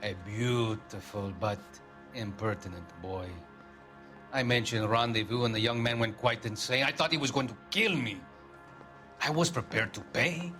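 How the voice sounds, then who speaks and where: Pompous argentine consul male actor, sharp forceful voice, haughty, crime game. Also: mid-range voice, moderate pace, soft background music, lightly acted. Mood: uneasy. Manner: pompous, formal. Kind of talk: video game crime drama acting.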